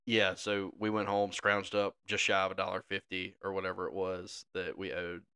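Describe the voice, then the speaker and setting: Young co-host, animated laughing storyteller, bright and crisp tone. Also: male voice, low voice, moderate pace. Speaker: podcast co-host. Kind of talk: casual storytelling.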